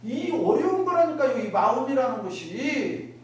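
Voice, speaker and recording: A woman's voice: sits high, very animated, normal speed, recorded from a distance. A woman minister giving a dharma talk to her congregation, often asking them rhetorical questions and acting out everyday remarks. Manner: acts out everyday remarks in other voices. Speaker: Won Buddhist minister. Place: worship hall. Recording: echoey hall, miked from afar, faint noise.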